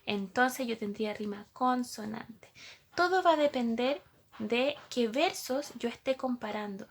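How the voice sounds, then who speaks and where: A woman teacher, patiently explaining a lesson to young pupils and asking them questions as she goes. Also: fairly high pitch.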